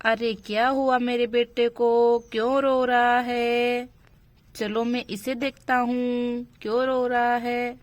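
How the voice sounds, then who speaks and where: A woman's voice: on the high side, level tone, takes it slowly, smooth, no room sound. A woman voicing a concerned young father in a doll storybook, soothing and fussing over his child.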